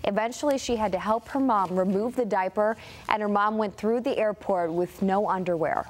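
A woman's voice: mid-range voice, normal speed. A woman news anchor in her thirties with an American accent, reading scripted news. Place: TV studio.

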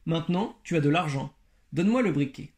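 A man putting on a scheming old witch from a storybook, speaking in a curt, secretive way. The voice sits somewhat high and carries a gravelly edge. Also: expressive, fairly quick, darkish tone.

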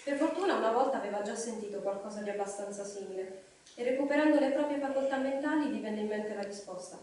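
Woman, live storybook reader, expressive pacing, distant and boomy room sound. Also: fast talker. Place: live reading evening in a hall. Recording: echoey hall, distant mic, faint noise.

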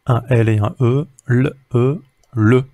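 Guy sounding out syllables for little kids, super slow, dry close mic. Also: medium pitch, steady tone, warm tone, no echo. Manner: patient, sounds out letters and syllables one by one. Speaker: reading teacher for young children. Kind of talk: slow syllable-by-syllable reading lesson.

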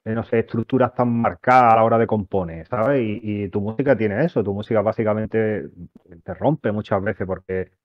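A man hosting a podcast, speaking in a relaxed, searching way with many fillers. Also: lowish voice, a little fast, no room sound. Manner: relaxed, thinking aloud with fillers. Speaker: podcast host. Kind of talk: casual podcast interview. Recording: dry, dull lo-fi sound.

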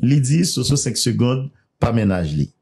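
A man's voice: medium pitch, sing-song, normal speed, gravelly, darkish tone. A man hosting a gossip news show, chatty and laughing often as he reads out details.

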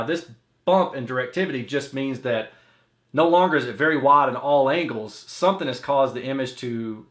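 An American man who reviews audio gear and hosts his own show sits in a small home office, giving an explanatory product review to camera. His medium-pitched voice has a fairly bright tone, and the small room's echo is noticeable.

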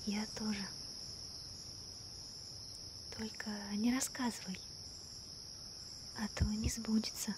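A woman in an ASMR role-play as a gentle, wonder-struck girlfriend stargazing at night, soft-spoken softly right into the listener's ear. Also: a little high, little pitch movement, a little slow, natural voice. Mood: tender, intimate. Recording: night crickets, insects and clear ambient noise. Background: crickets and night insects.

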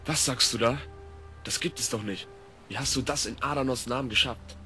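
A man's voice: medium pitch, moderate pace, bright, forceful tone, faint music behind. A man voicing an incredulous young village groom in a fan-made game mod. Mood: stunned.

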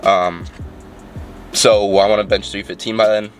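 A little slow and flat in delivery, this young man's lowish voice sounds nasal and congested as he vlogs about fitness from his car. He rambles to an arm's-length handheld camera, full of fillers and restarts, with soft music behind him.

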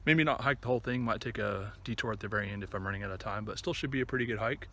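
A man in his thirties, a hiking vlogger, chats casually and a little haltingly to a phone or camera held at arm's length while walking a wooded trail and open meadow. His voice sits on the low side with a slightly bright quality, and the outdoor recording carries clear ambient noise.

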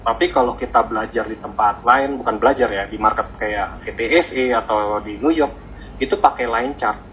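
A man, a stock trader, explaining in a relaxed, rambling way with many filler sounds. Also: medium pitch, normal speed, slight background noise, rough recording. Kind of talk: casual explanatory chat.

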